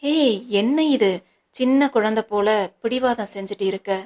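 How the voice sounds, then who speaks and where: Young husband, calm, firm, measured, storybook reading, voiced by a woman. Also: fairly high pitch, lightly acted.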